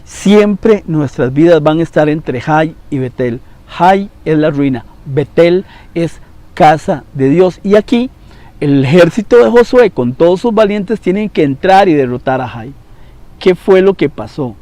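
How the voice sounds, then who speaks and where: A man in his fifties teaching a devotional Bible lesson, animated, jumping between loud emphasis and quiet asides. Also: a little high, a little slow, no room sound. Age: 50s. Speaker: preacher.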